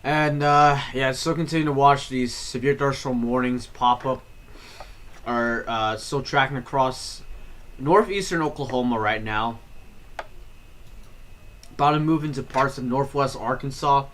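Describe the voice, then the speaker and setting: A man talks through live storm coverage in a loose, rambling way. He corrects himself often and fills the pauses with "uh" and "um". His voice sits at a middle pitch. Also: fairly bright tone. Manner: casual, rambling, frequent fillers and self-corrections. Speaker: storm streamer. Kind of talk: live weather stream commentary.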